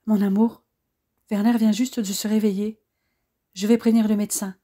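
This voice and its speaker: A woman voicing a loving young French woman, gentle and affectionate. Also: medium pitch, level tone, moderate pace, lightly acted.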